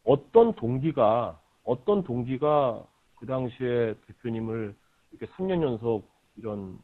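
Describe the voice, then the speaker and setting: A male host with a mid-range voice and lively intonation conducts a book interview, probing his guest with searching questions and filling pauses with short sounds of agreement. The audio is tinny and lo-fi, thin like a phone line or radio.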